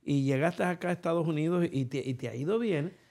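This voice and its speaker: Gravelly man hosting a podcast. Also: a little high, fairly quick, darkish tone. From Cuba. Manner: rambling, digressive explanations. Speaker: podcast host. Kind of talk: casual interview chat.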